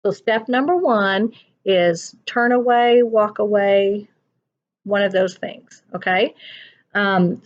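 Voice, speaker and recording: A woman school counselor teaching children like a kids show host, explaining simply and often checking they follow. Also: medium pitch. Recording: dull lo-fi sound.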